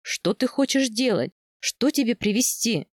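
A woman's voice: fairly high pitch, expressive, measured pace, dry recording, studio quality. A woman voicing a playful young husband from the steppe in an audiobook, bantering in an easygoing way. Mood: teasing. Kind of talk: audiobook character voice.

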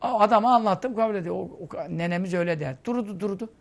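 A male preacher giving a storytelling sermon, reciting Arabic phrases and explaining them, acting out cries and dropping to low murmurs. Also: fast, gravelly. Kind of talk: religious talk.

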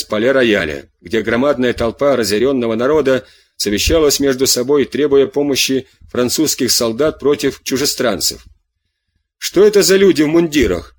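A man reading a classic novel aloud as an audiobook narrator, steady and measured. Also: medium pitch.

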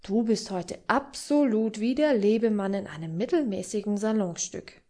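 A woman's voice: medium pitch, normal speed, warm tone, natural voice. A woman voicing a sardonic, practical man in an audiobook reading, dry and mocking.

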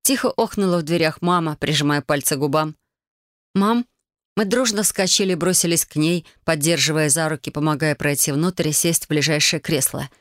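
A woman narrating a first-person novel as an audiobook, reading in a lively, expressive way. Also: deep voice, fairly quick, hardly any pauses, dry recording, clean studio sound.

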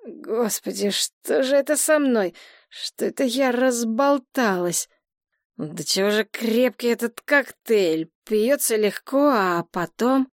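A woman voicing a tipsy, capricious young woman who talks in a slow, slurred and whiny way, recorded dry and close. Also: a little high, animated, no echo, voice pushed up. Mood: secretive tipsy.

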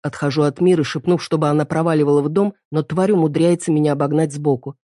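A woman narrating an audiobook in a steady, even reading. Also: deep voice, fast talker, no echo, clean studio sound.

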